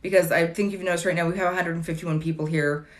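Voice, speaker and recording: Woman, late 30s, livestream host; casual, joking, rambling delivery, lowish pitch. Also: fairly even intonation, fast. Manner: chatty, wry and digressive, with dry jokes. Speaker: livestream host answering viewer questions.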